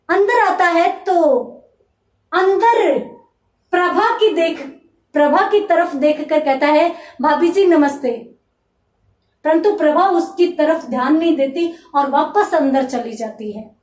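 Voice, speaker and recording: A woman's voice: very high-pitched, expressive, takes it slowly, reverberant, distant mic. A woman Hindi teacher explaining the plot of a one-act play, retelling scenes and acting out lines.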